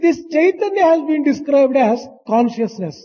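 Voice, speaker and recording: Very slow, high-voiced interpreter. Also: animated, warm tone. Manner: slow, halting delivery with hesitations. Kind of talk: consecutive translation of a discourse. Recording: dull archival recording with long hall reverb.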